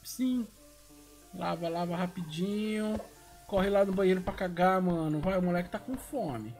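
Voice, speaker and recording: High-pitched, excitable Brazilian man gaming. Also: unhurried. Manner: excitable, slangy exclamations. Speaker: gaming video host. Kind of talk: casual gameplay commentary. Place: small room at home. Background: music.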